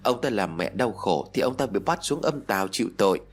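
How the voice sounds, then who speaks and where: A man's voice: on the low side, lively intonation, brisk, slight background noise, close to an everyday voice. A man voicing the ghost of a young boy who is bitter and vengeful, with a sulky, childish, reproachful way of talking.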